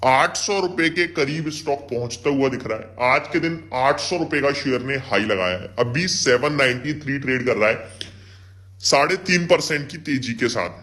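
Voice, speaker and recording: A man's voice: medium pitch, expressive, moderate pace, a bit bright. A man talks viewers through stock price levels in a casual, chatty market update, calling them friends and mixing in English terms. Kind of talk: casual market analysis video.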